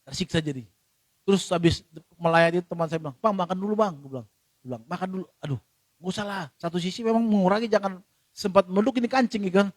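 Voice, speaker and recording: A man preaching a casual sermon in a church, animated and slangy, swinging between loud emphasis and muttered asides. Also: high voice, quick pace, dry recording. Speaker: pastor. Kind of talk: casual sermon with acted anecdotes.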